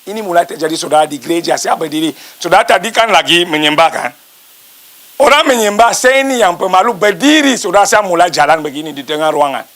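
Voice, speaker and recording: A middle-aged man, a pastor, preaching a storytelling testimony sermon that swings between loud and soft while he addresses the congregation directly. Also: sits high, lively intonation, quick pace.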